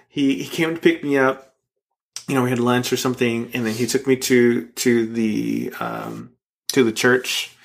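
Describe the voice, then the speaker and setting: A young man co-hosting a talk show, telling a story in a halting, easygoing way, often restarting and laughing at it. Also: medium pitch. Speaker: podcast co-host. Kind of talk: casual storytelling chat.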